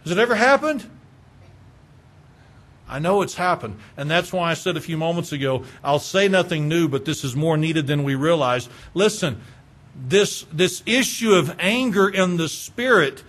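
At normal speed, a man preaching a sermon uses a fairly high, animated voice, shifting from hushed to raised lines. He builds each point through repeated words and rhetorical questions aimed at his listeners.

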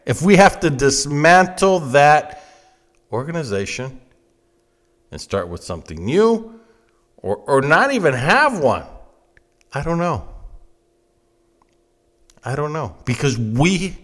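An American political commentator and host in his fifties delivers a blunt, emphatic, opinionated monologue, repeating phrases to hammer his points home. His fairly bright voice is a little high and swings widely in pitch, moving slowly with frequent pauses.

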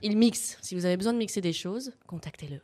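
Woman, podcast guest, relaxed, plain-spoken. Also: mid-range voice, fast talker. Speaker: guest, writer and voice of erotic audio stories. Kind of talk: casual chat.

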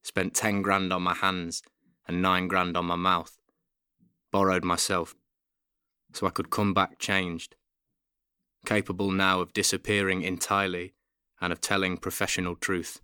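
A man from Nottingham with a softened East Midlands accent, reading spoken-word poetry in a quiet room. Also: deep voice, level tone, measured pace, pauses often, clean tone, dry recording, clean studio sound. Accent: softened East Midlands English. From Nottingham, England. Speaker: poet and actor. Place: housemates' bedroom, quiet indoors.

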